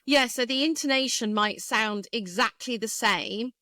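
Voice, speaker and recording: A woman speech therapist, a guest in an interview, explaining carefully and thoughtfully with frequent pauses and fillers. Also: a little high, bright, forceful tone, dry recording. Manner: thoughtful, hesitant with many fillers.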